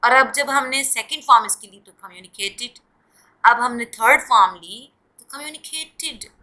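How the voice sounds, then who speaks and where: A woman's voice: on the high side, normal speed, pushed and bright, rough recording. A woman giving a patient, step-by-step grammar lesson, often checking in with her listeners. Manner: patient, explains step by step with repeated check-ins. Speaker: English grammar teacher. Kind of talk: classroom-style grammar lesson.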